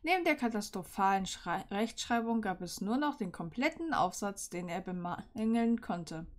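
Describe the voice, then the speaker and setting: A woman reading fan fiction aloud in a calm storybook manner, with small slips and restarts. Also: mid-range voice, normal speed.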